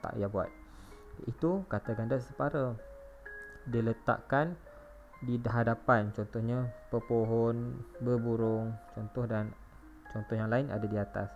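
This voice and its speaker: Male teacher, Malaysian Malay accent, mid-pitched and patient, explains step by step; lo-fi recorded lesson. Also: fairly even intonation, unhurried. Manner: patient, spells words letter by letter. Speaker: primary school teacher. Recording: dull lo-fi recording with faint music.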